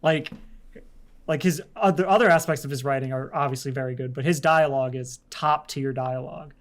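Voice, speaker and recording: A young man co-hosting a casual film podcast, agreeable and quick to laugh. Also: medium pitch, steady tone. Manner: agreeable, laughs often, frequent backchannel. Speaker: podcast co-host.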